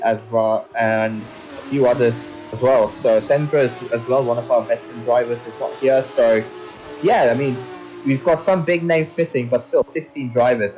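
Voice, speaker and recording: A man from India doing casual commentary on an online racing event as the host, chatty and quick to laugh. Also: mid-range voice, darkish tone, dull audio. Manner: chatty, laughs often, addresses co-host as mate. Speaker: race commentator.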